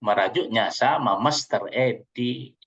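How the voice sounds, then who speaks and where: A male trainer gives a playful seminar talk, teasing his listeners and calling on them directly. His voice sits at a middling pitch. The recording is dull and lo-fi, as if from a seminar room. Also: slow, fairly bright tone. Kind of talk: joking seminar talk to an audience.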